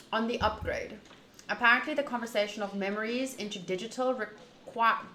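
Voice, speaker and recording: A streamer playing a visual novel gives casual commentary, moving between reading the text aloud and chatting. She has a bright, crisp-edged, mid-range voice. The audio sounds roomy and echoey, with faint background noise.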